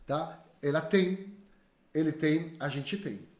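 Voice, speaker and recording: A man teaching online, lively and drilling learners to repeat slowly after him. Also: on the high side, slight background noise. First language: French. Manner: spells out sounds slowly and carefully. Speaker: French teacher. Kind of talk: online language lesson. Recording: echoey room.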